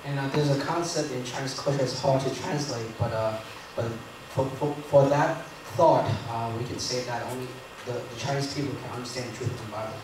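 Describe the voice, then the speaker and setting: A man interpreting a sermon into English live, in a quick, somewhat hesitant way. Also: medium pitch. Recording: echoey hall, distant mic, noise.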